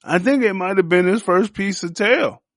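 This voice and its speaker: A man's voice: high-pitched, moderate pace, fairly bright tone, dry recording, clean studio sound. A young man hosting a podcast, reviewing a series in a crude, joking, slangy riff full of profanity. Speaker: podcast host.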